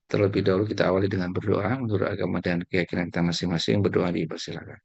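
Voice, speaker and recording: Low gravelly lecturer guy, formal, call cutting out, muffled dry audio. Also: little pitch movement, rapid-fire, darkish tone, dry recording. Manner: formal, addresses class politely. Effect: call audio breaking up on an unstable connection. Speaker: university lecturer. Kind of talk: online lecture. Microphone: video call.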